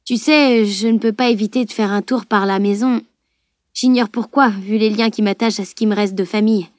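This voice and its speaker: A woman's voice: mid-range voice, steady tone, fairly quick, a little mellow, dry recording, studio quality, lightly acted. A woman reading the voice of a wry, teasing teenage boy in an audiobook, mocking and playful. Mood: hesitant.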